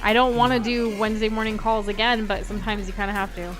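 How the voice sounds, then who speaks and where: A woman's voice: mid-range voice, flat delivery, fast. A woman with a playful, giggly manner, chatting casually and reading viewer comments as co-host of a game livestream. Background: music.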